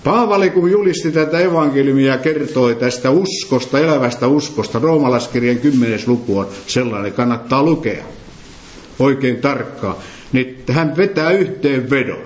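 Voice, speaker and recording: Male preacher, middle pitch, emphatic, quizzes the room; roomy hall echo. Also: expressive. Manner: quizzes the listeners with questions, emphatic. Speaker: preacher leading a Bible study. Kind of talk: interactive sermon.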